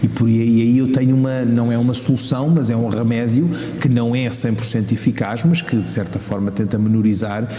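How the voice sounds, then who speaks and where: A Portuguese man with a European Portuguese accent answers interview questions as a community leader, articulate and emphatic with rhetorical questions. His dark-toned, mid-range voice runs a little fast with few pauses and fairly even intonation, recorded in a large reverberant mosque room with long, hall-like reverb.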